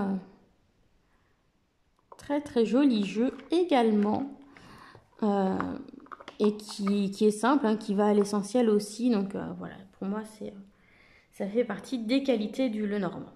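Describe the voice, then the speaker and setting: A woman talks casually to her viewers about her favourite card decks. Her voice sits mid-range with a gravelly, creaky texture. She speaks in a relaxed, chatty way, pausing often on small filler sounds. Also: medium pitch. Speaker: vlogger reviewing oracle card decks. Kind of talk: casual chat to camera.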